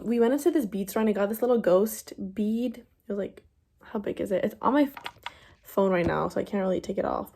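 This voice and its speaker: A woman's voice: mid-range voice, darkish tone. A young woman chatting casually in a vlog, rambling, with lots of fillers and restarts. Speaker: vlogger.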